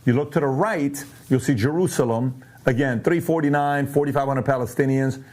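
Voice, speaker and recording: Born and raised in Iran, a man hosts a commentary show, asking pointed questions and going through charts in an emphatic, animated style. He speaks at a normal speed with a medium pitch.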